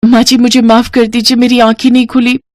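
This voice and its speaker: Timid young bride in a hindi cartoon, high nervous stammery voice, lady doing it, dry close sound. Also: flat delivery, a little fast, dry recording, lightly acted. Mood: anxious. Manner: anxious pleading, stammering. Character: timid young new bride, easily frightened.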